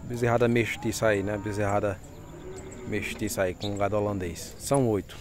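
A man's voice: fairly low pitch, steady tone, moderate pace, darkish tone, a little hiss or hum. A man walks through outdoor cattle pens at a livestock fair, announcing each lot and its asking price to viewers on a handheld phone. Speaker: vlogger touring a cattle fair. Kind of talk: casual market walk-through.

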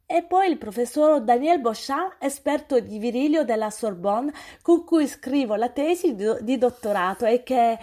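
An awkward young woman student, read by a woman narrator fumbles through introductions in an audiobook. Her voice sits high and apologetic. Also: expressive, moderate pace, few pauses, dark tone. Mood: embarrassed.

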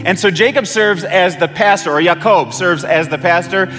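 A man's voice: high voice, moderate pace, a bit bright, in a large hall. A middle-aged man, a pastor, presenting a church gift from the stage in an upbeat way. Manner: upbeat, cheering. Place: church stage, then a parking lot. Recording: music playing behind.

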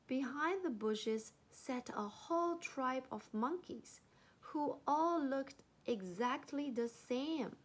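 A woman reading a children's animal story aloud, slow and expressive. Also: sits high, slightly rough.

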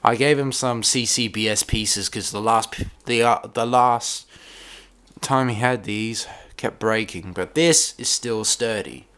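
In a dim room, a man gives a casual hands-on toy review, rambling and halting with many restarts. His voice is lowish and a bit bright, with a clear, resonant tone.

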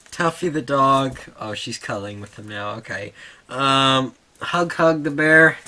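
A man shows off his toy collection at home in a casual video, chuckling and getting easily distracted as he talks to his dog between items. His mid-range voice is slow-paced with a sharp tone.

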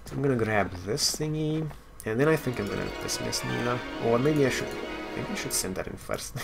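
A man's voice: medium pitch, fairly quick, creaky, over music. A man giving casual gameplay commentary, thinking aloud with wry asides and now and then reading story text out. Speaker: game player and commentator.

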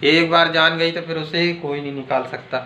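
A man's voice: on the high side, steady tone, normal speed, sharp tone, roomy sound, slight background noise. A man chatting casually to viewers in a home vlog, filming on his phone in the kitchen. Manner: chatty, addresses viewers as friends. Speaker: vlogger.

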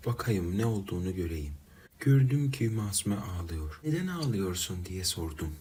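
A man narrating a sorrowful first-person story, reading in a slow, uneven way. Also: deep voice, animated, mellow, slight background noise.

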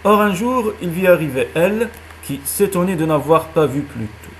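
A man reading a children's animal novel aloud in a calm storytelling manner. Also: a little high, normal speed, slight background noise. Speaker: reader.

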